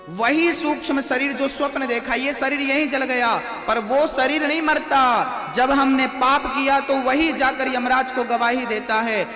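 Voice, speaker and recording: A man preaches a devotional sermon to a live audience in a very high voice. He keeps putting questions to the listeners and slows down to recite verses. A long echo from a large hall surrounds him, with clear instrumental music behind. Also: pushed and bright. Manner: asks the audience questions, recites couplets slowly. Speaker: spiritual preacher. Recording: echoey hall recording with music.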